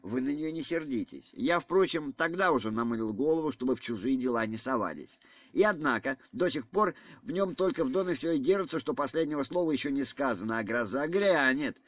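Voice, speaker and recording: A man's voice: medium pitch, lively intonation, brisk, a bit bright, dry recording. A man voicing a nervous, ambitious young man in an audiobook reading, speaking hesitantly and defensively. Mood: guarded.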